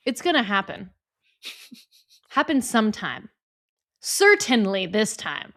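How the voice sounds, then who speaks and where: A woman co-hosting a podcast in casual chat, playful and quick to laugh. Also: medium pitch, sing-song, a bit bright. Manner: playful, giggly, bubbly. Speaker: podcast co-host.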